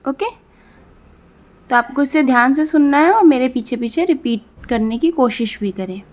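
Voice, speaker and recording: A woman with an Indian accent teaching a phonics lesson to children. She sounds out letters slowly and checks for understanding. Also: sits high, animated. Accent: Indian English. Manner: slow, drawn-out sounding of letters; repeats "theek hai" to check understanding.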